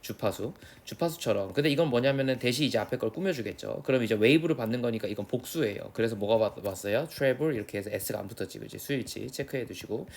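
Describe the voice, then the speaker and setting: Man, Korean accent, English teacher, exam prep lecture, casual explaining, mid pitch. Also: gravelly, a little mellow. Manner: reads English lines slowly, then explains in quick casual speech with many tag questions.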